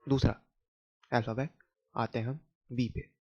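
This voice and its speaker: Indian male teacher, mid-pitched, very slow and patient with kids, dull lo-fi recording. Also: level tone, a little mellow. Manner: explains patiently, asks questions back to kids. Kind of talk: slow phonics lesson for children.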